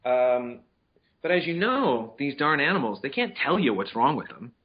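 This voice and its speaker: A man's voice: mid-range voice, sing-song, normal speed, slightly rough, lo-fi sound. A middle-aged man co-hosting a casual podcast chat, playful and talkative, sometimes acting out his pets in little voices. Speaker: podcast co-host.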